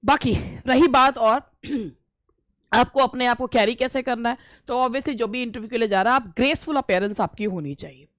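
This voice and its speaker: High-voiced woman teacher, conversational. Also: moderate pace, no echo. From India. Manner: conversational, repeats phrases, frequent hesitations. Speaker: English teacher giving interview tips. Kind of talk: casual instructional talk.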